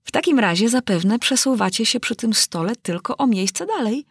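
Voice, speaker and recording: A woman's voice: fairly high pitch, expressive, normal speed, husky, dry recording, clean studio sound, pitched above the performer's own voice. A woman voicing a curious, polite young girl who asks earnest, prim questions in a storybook reading.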